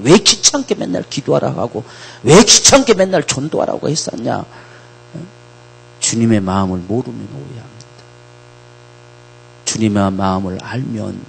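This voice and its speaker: A male pastor preaching a sermon, moving between soft, intimate passages and loud, high-pitched exhortation. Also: creaky, slight background noise, rough recording.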